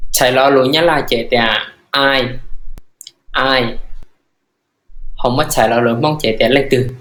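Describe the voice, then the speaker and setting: A man teaching a language lesson, repeating phrases slowly and word by word. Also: mid-range voice, steady tone, a bit bright, echoey room, low-quality recording.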